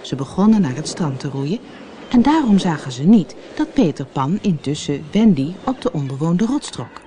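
An expressive reader narrating a children's storybook, with faint background ambience. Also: mid-range voice, moderate pace, a little hiss or hum. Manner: expressive, animated.

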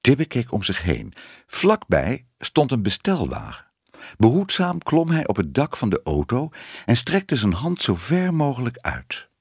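A man's voice: medium pitch, wildly swooping pitch, unhurried, darkish tone, husky, no room sound, clean studio sound. A man reading a children's story aloud as narrator, voicing the characters expressively.

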